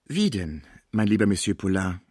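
A man voicing a scheming, fawning older female portress in an audiobook, flattering and pushy. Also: fairly low pitch, moderate pace, dry recording, clean studio sound. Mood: sly. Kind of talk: audiobook character voice.

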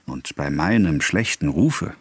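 A man voicing a brooding male seducer, speaking low and hushed in an audiobook reading. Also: animated, unhurried, husky, dry recording, heavily acted. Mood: intimate.

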